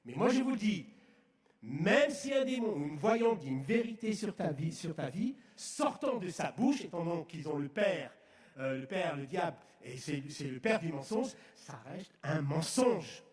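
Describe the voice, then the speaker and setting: High-voiced French preacher, echoey. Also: male voice, very animated, normal speed, darkish tone. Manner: emphatic, often raises his voice, tells anecdotes with humour. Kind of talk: lively storytelling sermon. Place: outdoors in woods at a festival.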